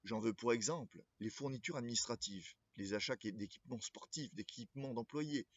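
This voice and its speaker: Playing a local political candidate, a man reads a scripted address in a formal, measured manner, now and then stumbling over words. His mid-range voice is slightly rough, and the recording is muffled with no echo.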